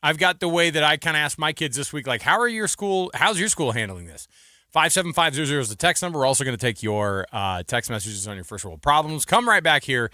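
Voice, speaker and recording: A male radio host with a bright, forceful voice and a slightly raised pitch, chatting about everyday life. He is animated and keeps sliding into quick impressions as he tells anecdotes. The sound is close and dry, straight from a studio mic. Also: dry recording. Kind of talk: casual radio chat.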